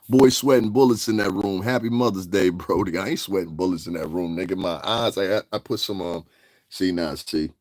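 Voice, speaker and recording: A man's voice: low-pitched, normal speed, a little mellow, no echo. A man, casually chatting on a live stream, brash and mocking, laughing often as he answers comments. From northeastern United States.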